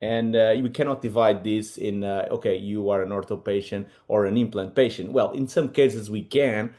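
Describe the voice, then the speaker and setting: Relaxed dentist presenting. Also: male voice, lowish voice, moderate pace. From Portugal. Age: middle-aged. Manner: relaxed, many fillers, slightly non-native phrasing. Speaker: implant dentist, webinar co-host. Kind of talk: casual presentation.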